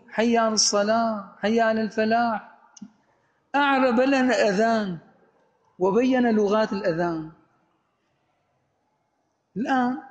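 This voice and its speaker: A man lecturing on Arabic grammar, asking rhetorical questions and answering them himself, reading quoted text slowly and deliberately. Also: high-pitched. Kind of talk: lecture explaining a grammar book. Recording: dull lo-fi audio with long hall reverb.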